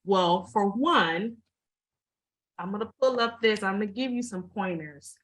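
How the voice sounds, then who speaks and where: A woman speaking as a guest mental health responder over a video call, giving informal advice with many pauses, fillers and repeated phrases. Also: mid-range voice, a bit bright, low-quality recording. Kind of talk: informal presentation to an online group.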